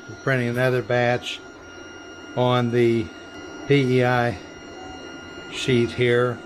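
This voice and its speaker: A man running a 3D print farm, talking slowly and plainly step by step while he works in a workshop full of printers. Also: mid-range voice, background noise. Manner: slow, plain step-by-step explaining while working. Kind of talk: hands-on workshop demonstration.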